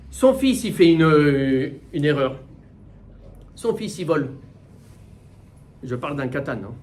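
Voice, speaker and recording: A middle-aged man, a rabbi, giving a Torah class in with mixed in, animated and full of rhetorical questions. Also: on the high side, takes it slowly. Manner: animated, rhetorical questions, repeats words while searching. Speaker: rabbi teaching the weekly portion. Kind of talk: Torah class, spoken teaching.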